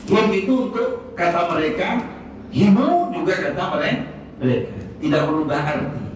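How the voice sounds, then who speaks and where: A man's voice: sits high, lively intonation, normal speed. A man teaching as a religious instructor, answering questions and reciting Arabic phrases with a melody. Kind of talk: Islamic study talk, Q&A. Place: hospital hall. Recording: echoey hall, distant mic, faint noise.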